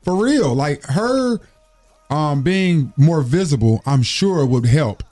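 A man hosting a morning radio show, joking in slangy, animated banter. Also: fairly high pitch, slow pace, soft background music.

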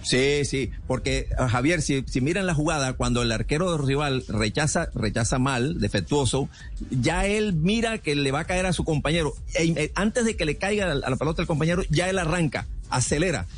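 A man's voice: a little high, fairly quick, faint music behind. A man, analysing plays as a sports panelist.

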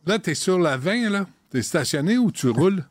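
Sarcastic radio host. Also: male voice, sits high, expressive, normal speed, slight background noise. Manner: teasing, sarcastic. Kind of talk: casual chat on talk radio.

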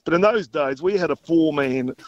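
A man's voice: on the high side, moderate pace. An older-sounding Australian man from South Australia reminiscing casually as an interview guest, with a laconic, matter-of-fact, self-effacing drawl. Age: middle-aged or older. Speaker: retired footballer, interview guest. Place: phone call into a radio show. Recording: slightly dull phone-in audio.

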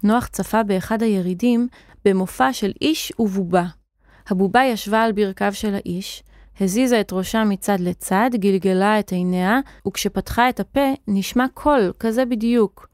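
A woman narrating a children's story in a clear, expressive reading voice. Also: medium pitch, no room sound, clean studio sound.

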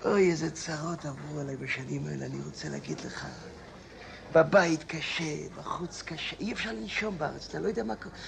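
A man's voice: a little high, vocal fry, fairly bright tone. A man playing a chatty old man in a comedy sketch, grumbling and drifting off into nostalgic tangents. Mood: rambling nostalgic. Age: older.

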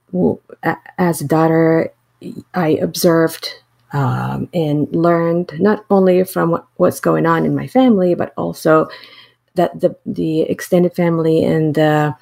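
A woman's voice: fairly low pitch, vocal fry, dark tone. A middle-aged woman from Syria, a professor, answering interview questions in a thoughtful, hesitant way with many fillers and restarts. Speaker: associate teaching professor.

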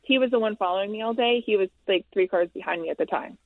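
A woman's voice: mid-range voice, dry recording. Woman on a tinny phone-like line. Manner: halting, repeats herself, laughs between hard parts. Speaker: guest telling her story. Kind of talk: emotional personal account. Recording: tinny, dry phone-like sound.

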